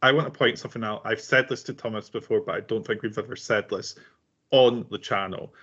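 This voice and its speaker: A man's voice: lowish voice, brisk, a bit bright. Playful man on a muffled recording. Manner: playful and teasing, full of ums and uhs. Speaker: co-host reacting to songs. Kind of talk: casual reaction chat.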